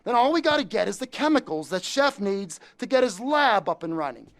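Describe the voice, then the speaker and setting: In a game cutscene, an actor voices a jittery member of a crime crew, a drug dealer's accomplice who rambles and cracks nervous jokes. The male voice is high-pitched and sing-song, delivered fairly quickly.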